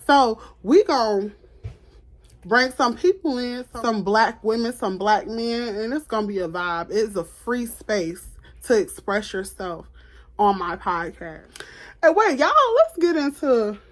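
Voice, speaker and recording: A woman in her twenties from Florida, chatting casually to camera as a podcast host, animated and repeating herself with laughs. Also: mid-range voice. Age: 20s. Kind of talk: casual vlog chat to camera.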